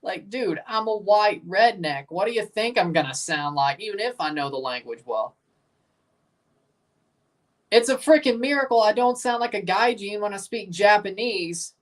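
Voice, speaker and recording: A man's voice: sits high, lively intonation, normal speed. A man with an American accent hosting a livestream watchalong, chatting informally and rambling in short, casual bursts. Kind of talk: casual livestream chat with match commentary. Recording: voice some distance from the mic.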